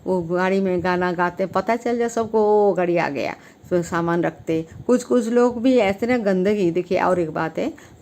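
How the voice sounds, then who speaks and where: This channel host speaks to camera with conviction on the subject of civic duty. She hesitates between phrases, using filler words and starting over, while her emphatic voice repeatedly rises in pitch and loudness.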